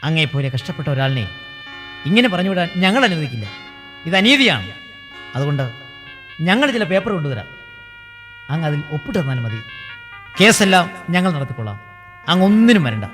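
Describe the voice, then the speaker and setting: A man voices a sympathetic former assembly speaker who pleads softly and earnestly. His voice sits a little high and rings with a long reverb. Faint music plays underneath. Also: big pitch swings, brisk, long pauses. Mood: pleading.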